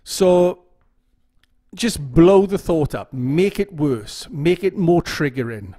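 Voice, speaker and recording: His voice is on the high side, animated yet slow and mellow, as this YouTube OCD educator gives a casual instructional talk to camera, frequently repeating phrases and checking in with "okay?".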